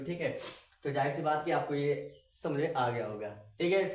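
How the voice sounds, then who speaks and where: A man teaches in a casual, repetitive way, forever checking in with questions to his listener. His voice sits a little high for a man and sounds set back from the microphone in a roomy, echoing space. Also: distant mic. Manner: repetitive, keeps asking the viewer questions. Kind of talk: casual spoken lesson. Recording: echoey room, voice away from the mic.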